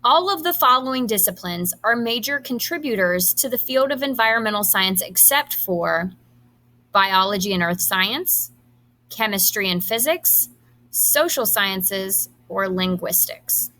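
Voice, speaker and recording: This woman, a high school teacher, has a bright, crisp-edged, expressive voice at a typical female pitch. She enunciates quiz questions and answer options carefully for her students, giving brief instructions along the way.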